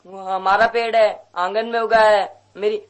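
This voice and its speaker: Poor village boy, high flat voice, pleading and tearful, radio play. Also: a little slow. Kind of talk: Hindi radio drama acting.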